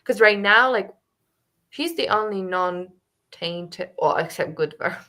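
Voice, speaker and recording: Over a video call, a woman co-hosts a book club discussion, thinking aloud casually with lots of fillers. Her medium-pitched voice is animated and sharp in tone, though she takes things slowly.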